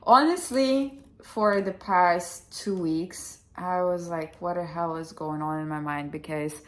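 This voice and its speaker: With a lowish, fairly bright voice and a measured pace, a young vlogger speaks English as a second language in a Russian accent. Her casual talk to camera is frank and chatty, full of swearing and self-mockery.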